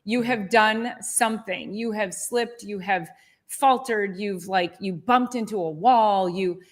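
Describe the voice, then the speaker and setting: A woman's voice: medium pitch, slow pace. Chatty woman co-host, rambling. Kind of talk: casual chat.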